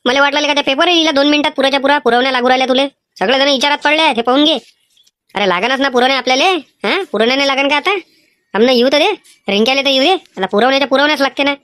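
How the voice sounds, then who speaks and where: A woman's high, fairly bright voice races along very fast in a dry recording. It's cartoon voice acting: she plays a mischievous schoolboy with a Vidarbha Marathi accent, whining and pleading as he tries to cheat on an exam.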